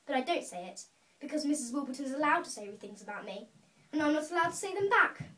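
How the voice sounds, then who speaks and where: Far from the mic, a woman acting as a young schoolgirl delivers a theatrical children's monologue in a high, somewhat bright voice with lively, swooping intonation. Sounding indignant, she chatters on and earnestly stresses her grievances through dramatically elongated words.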